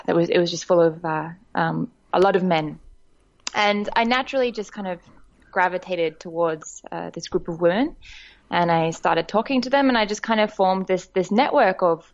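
Chatty woman, lower voice, muffled sound. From Australia. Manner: warm, chatty storytelling with frequent laughs and fillers. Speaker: guest, director of a women's network. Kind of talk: podcast interview.

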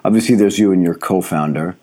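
A man's voice: low-pitched, a little fast, warm tone. A man hosting a conversational interview, asking wordy questions that come in several parts. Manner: wordy, multi-part questions. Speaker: interviewer, host.

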